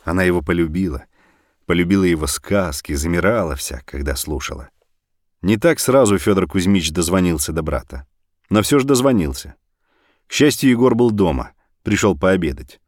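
A man narrating an audiobook story in an expressive, animated reading. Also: deep voice, normal speed, dry recording, studio quality.

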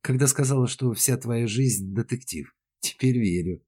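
A man's voice: mid-range voice, moderate pace, warm tone, breathy edge, pitched above the performer's own voice, close to an everyday voice. A man doing a cheeky, whiny woman passenger. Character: brash, impulsive woman passenger.

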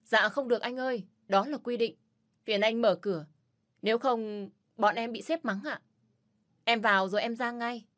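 In an audio story, a woman voices a polite, deferential young hotel employee pleading to be let in. Her voice is fairly high and bright at normal speed, pitched a bit above her own but close to everyday speech.

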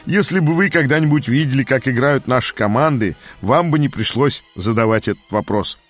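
A man reading an audiobook, voicing an effusive male delegate who is excitable and chuckling. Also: medium pitch, a little fast, soft background music, lightly acted. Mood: excited.

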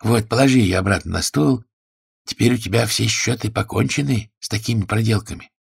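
A man's voice: lowish voice, brisk, creaky, husky, exaggerated voice. A man reading a story aloud and voicing a reformed male crook who speaks fondly and coaxingly to his fiancée. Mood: reassuring. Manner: fond, gently coaxing. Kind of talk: audiobook character voice.

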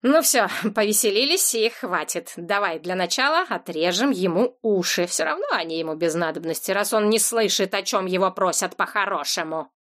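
A woman's voice: medium pitch, expressive, normal speed, hardly any pauses, a bit bright, lightly acted. A woman voicing a short, bald thug who speaks in a mocking, scornful manner. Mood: cold threat.

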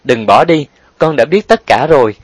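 A man's voice: mid-range voice, animated, normal speed, dry recording, voice pushed up, close to an everyday voice. A man reading an audiobook and voicing an emotional young son, pleading and choked with feeling. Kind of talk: audiobook character voice.

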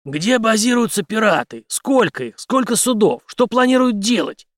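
A man's voice: sits high, animated, brisk, dry recording, studio quality, pitched above the performer's own voice. A man voicing a confident, mocking male special-forces commander who speaks in a cool, menacing way. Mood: coolly menacing.

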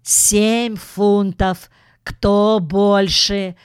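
A woman voicing a brisk male auctioneer who calls out bids in a loud, announcing way in a storybook reading. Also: mid-range voice, level tone, smooth, dry recording, clean studio sound.

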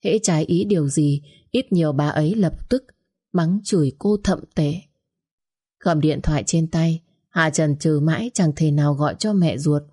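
Brief: woman narrator, steady scripted storytelling, low and mellow. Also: moderate pace, slightly rough.

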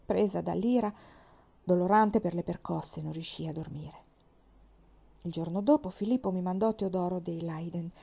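A woman reading a historical novel aloud in the first person, expressive and dramatic, sometimes rising to loud outbursts. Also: fairly low pitch, normal speed, creaky, husky, highs cut off. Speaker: reader.

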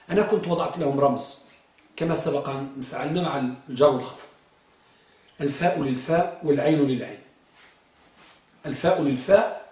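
High-voiced man teaching in an echoey room. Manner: quizzes students and repeats their answers. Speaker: teacher of Arabic grammar. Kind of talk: classroom grammar lesson. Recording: echoey room, far from the mic.

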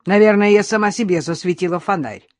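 A woman's voice: mid-range voice, fairly quick, darkish tone, dry recording, clean studio sound, close to an everyday voice. A woman voicing an angry young wife who speaks in a bitter, hissing way, in an audiobook. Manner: hissing, resentful.

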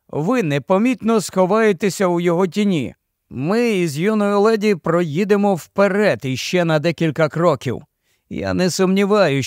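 A man voicing a noble young prince in an audiobook, giving firm, measured commands. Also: fairly high pitch, no room sound, clean studio sound, natural voice.

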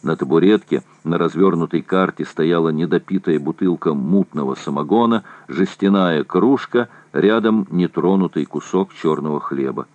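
Low-voiced guy reading a war book aloud, dry close sound, steady pace. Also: moderate pace, few pauses, dry recording, highs cut off. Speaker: narrator. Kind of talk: audiobook reading of war prose.

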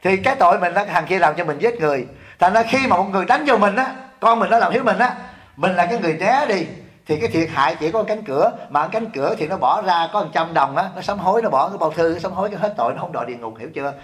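A middle-aged man from Vietnam, an abbot giving a sermon in a lively, joking way, often asking his listeners questions. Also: high voice, quick pace. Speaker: abbot giving a dharma talk. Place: temple hall.

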